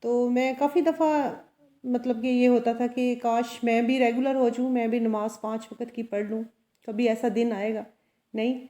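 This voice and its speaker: A woman speaks to her audience in a personal motivational vlog. Her voice sits a little high, and she talks earnestly and confidingly. She often turns to her listeners with a quick check that they are following. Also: flat delivery, mellow. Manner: earnest, confiding, with frequent tag questions. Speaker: vlogger. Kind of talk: personal motivational talk to camera.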